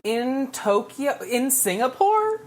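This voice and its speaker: A woman co-hosting a casual book podcast, thinking aloud slowly and tossing in dry asides. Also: high-pitched, sing-song, slight background noise. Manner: slow and musing, dry asides. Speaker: podcast co-host. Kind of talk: casual book-club chat.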